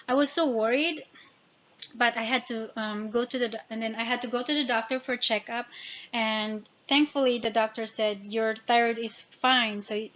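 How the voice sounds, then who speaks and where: An educator from the Philippines, a woman whose native languages are Tagalog and Visayan, narrates an informal lesson from study notes in a fairly high voice with a Filipino accent. Technical words make her halt and self-correct. The sound quality is somewhat dull and lo-fi.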